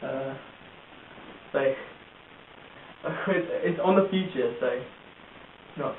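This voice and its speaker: A man in an amateur comedy sketch, rambling and halting as he pitches an idea. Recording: tinny lo-fi echoey hissy recording.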